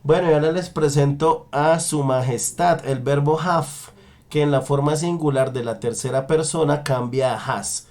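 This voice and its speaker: Guy teaching english, slightly high voice, checks in a lot with the class. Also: darkish tone. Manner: slow, drawn-out model sentences in English; checks in with listeners often. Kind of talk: online language lesson.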